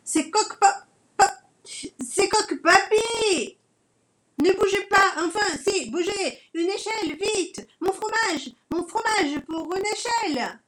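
A woman's voice: very high voice, pitched above the performer's own voice, exaggerated voice. Woman playing a plucky little hen girl. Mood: flustered. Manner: bright, excitable, quick to exclaim.

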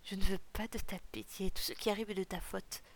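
A woman's voice: medium pitch, steady tone, fairly quick, close to an everyday voice. A woman reading the part of a proud, angry young nobleman in a storybook, tense and bitter.

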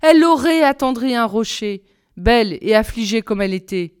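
Woman reading a fairy tale, crisp voice. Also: fairly high pitch, normal speed. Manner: clear, expressive storytelling. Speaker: reader.

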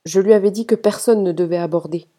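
A woman's voice: lowish voice, fast, dark tone, lightly acted. A woman voicing André, a stubborn armed man. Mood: tense.

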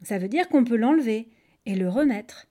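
A woman voicing a clever, quick-thinking male monkey in a storybook reading. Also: a little high, animated, warm tone. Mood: breezy. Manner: breezy, casual, mocking.

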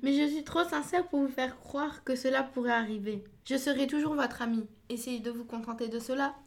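A woman voicing a gentle, earnest young heroine in a fairy-tale reading, speaking up and pleading. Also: sits high, fairly quick.

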